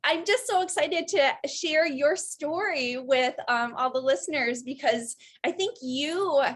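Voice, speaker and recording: A woman's voice: high-pitched, unhurried, fairly bright tone. A young adult woman hosting a podcast interview, bubbly and gushing with enthusiasm. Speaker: podcast host. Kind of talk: casual interview chat.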